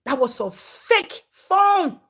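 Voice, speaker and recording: Slow-paced and very high-voiced, this Liberian woman, known as a comedian and content creator, spins a story for her followers in a casual, animated manner that alternates loud and hushed moments.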